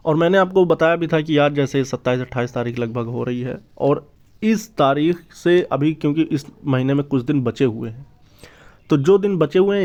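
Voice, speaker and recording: In a dull, lo-fi recording, a man who presents exam news on YouTube delivers a casual explanatory update and keeps restating his points in new words. His voice is slightly high with a darkish tone.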